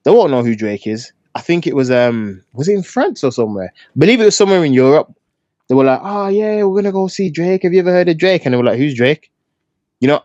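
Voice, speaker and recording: A man's voice: medium pitch, darkish tone, no room sound. A man, co-hosting a podcast and giving his candid opinions in a casual chat. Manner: candid, chatty, talks through his opinions. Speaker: podcast co-host. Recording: dull, slightly lo-fi dry sound.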